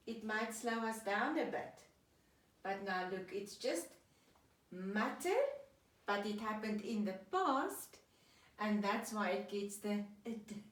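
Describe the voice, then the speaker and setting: A woman teacher giving a children's reading lesson, patiently sounding out and clapping words. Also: mid-range voice. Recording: echoey room, voice from a distance.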